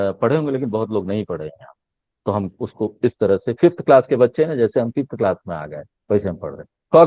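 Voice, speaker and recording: A man's voice: medium pitch, no room sound. A male Sanskrit teacher explaining a lesson, reciting letters one by one and asking rising questions of his class. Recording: tinny phone-line sound, dry.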